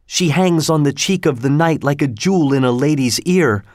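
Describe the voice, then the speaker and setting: A man's voice: fairly high pitch, moderate pace, darkish tone, dry recording, clean studio sound, pitched above the performer's own voice, lightly acted. Romeo, a man voicing a lovestruck young nobleman. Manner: poetic, earnest.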